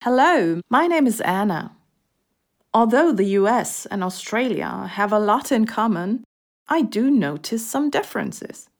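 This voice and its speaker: A woman's voice: fairly high pitch, unhurried. An actress reading a scripted testimonial as a woman from the US telling a story of her first days abroad. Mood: amazed. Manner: lively, storytelling. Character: woman from the US, amazed newcomer. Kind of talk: scripted testimonial for a listening test.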